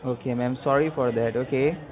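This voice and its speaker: A young man prank-calls in halting, broken English and repeats the same short phrases. His voice is of middling pitch for a man and comes through a tinny, phone-like line. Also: fairly even intonation. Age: young adult. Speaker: prank caller. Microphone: telephone.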